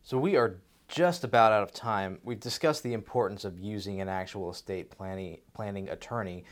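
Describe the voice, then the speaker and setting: A man's voice: fairly low pitch, normal speed. A man hosting a radio show, asking questions and summing up in a conversational style.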